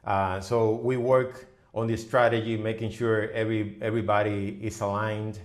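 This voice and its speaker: A middle-aged man from the Dominican Republic with a fairly low voice, talking as a guest on a business podcast. He speaks haltingly, restarting phrases and filling pauses as he works through his thoughts. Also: little pitch movement. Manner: halting, many fillers and restarts. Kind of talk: podcast interview.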